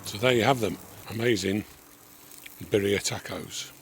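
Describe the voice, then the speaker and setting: A man hosting a casual backyard barbecue cooking show, chatting relaxed to viewers. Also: fairly low pitch, a little slow. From New Zealand. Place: backyard outdoors. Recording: outdoor noise with passing vehicles.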